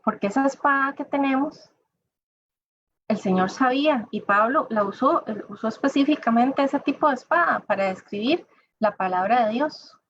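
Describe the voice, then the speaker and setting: A woman's voice: high-pitched, moderate pace, a bit bright, no room sound. A woman giving an informal sermon, talking conversationally and addressing listeners directly. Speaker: church speaker. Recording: dull dry lo-fi recording.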